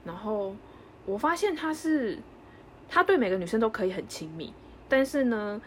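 A young woman co-hosting a casual podcast, telling a story in an animated way and acting out the lines of others. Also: on the high side, slight background noise. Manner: animated storyteller, quick, acts out dialogue. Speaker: podcast co-host.

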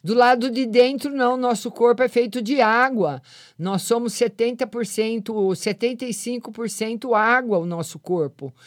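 A woman's voice: on the high side, moderate pace, no room sound, clean studio sound. An older woman hosting a live call-in show, chatting affectionately with callers and giving them readings. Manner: affectionate, calls callers "my lovely". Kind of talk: casual live call-in chat.

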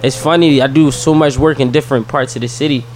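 A man from South Philadelphia with a Philly accent, a guest in a casual interview, speaking softly and easily with lots of ums. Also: medium pitch, fast talker. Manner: soft-spoken, relaxed, with many fillers. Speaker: guest, entrepreneur and youth mentor. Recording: faint background noise.

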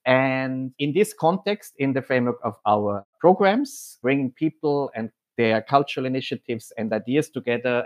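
Austrian man, measured explanatory talk. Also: medium pitch. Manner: measured, explanatory, with occasional hesitations. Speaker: head of programs at a foundation. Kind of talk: podcast interview monologue.

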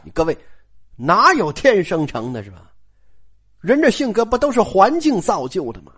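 A woman's voice: mid-range voice, very animated, moderate pace, a bit bright, breathy edge. A woman retelling a classic novel in a chatty storytelling style, turning to the listeners with frequent asides.

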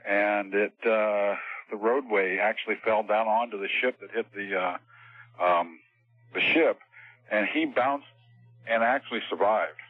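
Man, over the phone, lowish voice, halting, dry tinny line. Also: slightly rough, dry recording. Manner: halting, full of fillers. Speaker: radio show guest. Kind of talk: call-in radio interview.

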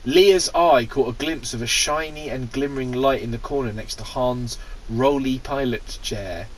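A man's voice: medium pitch, moderate pace, rough recording. A man hosting a podcast, reading crude fan fiction aloud with giggly, exaggerated asides. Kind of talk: comic reading and banter.

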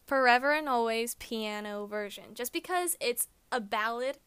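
A young woman co-hosting a casual podcast, gushing about music like an excited fan. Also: fairly high pitch, moderate pace, clean tone. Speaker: podcast co-host. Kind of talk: casual chat.

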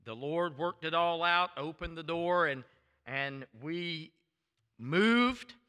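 Older male pastor, thick Deep South accent, unhurried emphatic sermon, clear resonant voice, echoing hall. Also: sharp tone. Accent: thick Deep South American. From southern United States. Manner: folksy, emphatic, conversational storytelling. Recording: reverberant hall sound.

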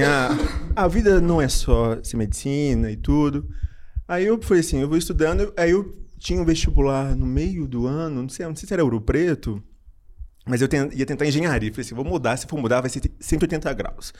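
A young man from Brazil, a psychiatrist, guesting on a podcast and telling a personal story in an animated way, laughing often and repeating phrases. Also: on the high side, a little fast. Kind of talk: casual storytelling in an interview.

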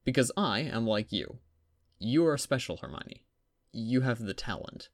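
A man voicing a calm, self-assured boy who acts as a teacher, speaking in a measured, coaxing way in a dry, close recording. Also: medium pitch, dry recording, pitched above the performer's own voice.

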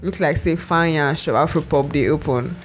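Podcast co-host, casual rambling chat, lots of fillers and restarts, mid-pitched voice. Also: normal speed, soft background music. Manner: rambling, heavy use of "like" and restarts.

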